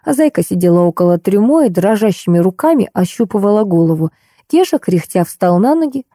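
Женщина с мягким тёплым голосом читает ироничную прозу. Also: female voice, medium pitch, big pitch swings, brisk, dark tone, no echo, studio quality. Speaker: audiobook reader. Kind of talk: scripted narration.

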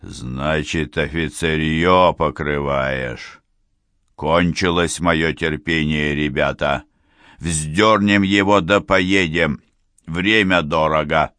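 A man voicing a cruel, menacing male bandit chieftain who growls threats slowly. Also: low voice, bright, forceful tone, no echo, studio quality. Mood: seething. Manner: growling, threatening, slow and drawn out. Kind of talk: audiobook character voice.

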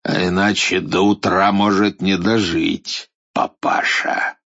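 A man voicing a menacing dark lord, a tyrannical idol, with a slow, sinister delivery in a verse fairy-tale play. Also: deep voice, steady tone, dull audio, heavily acted.

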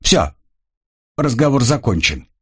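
A man voicing a stern, irritable female office bureaucrat, talking in sharp, curt bursts with a husky edge. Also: medium pitch, big pitch swings, slow, heavily acted.

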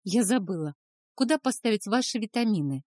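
A woman's voice: mid-range voice, expressive, brisk, a little mellow, dry recording, clean studio sound, natural voice. A woman reading aloud voices a young, timid maid who speaks hesitantly and a little pleadingly. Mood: anxious.

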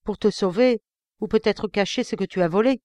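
A woman voicing an outraged middle-aged male banker who shouts accusations at his son, in an audiobook. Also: medium pitch, a little fast, no echo, lightly acted. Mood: stern.

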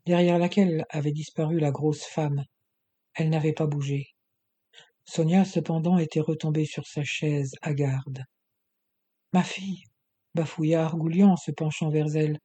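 A man narrating an adventure novel as an audiobook in a steady, measured reading. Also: on the high side.

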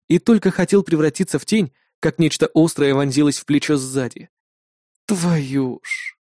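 A man narrating a first-person fantasy audiobook, expressive and irritable when speaking as the hero. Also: on the high side, no echo, clean studio sound.

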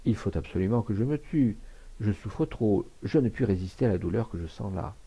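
A man's voice: fairly low pitch, animated, brisk, mellow, slightly rough. A man reading a bitter young naval officer. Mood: anguished. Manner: bitter, self-loathing.

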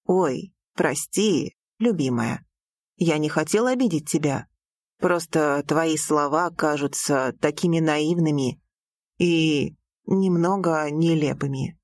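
A woman reading an audiobook, voicing a passionate, teasing young prince with slow, low, intimate delivery. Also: darkish tone, no echo, clean studio sound. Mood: tender.

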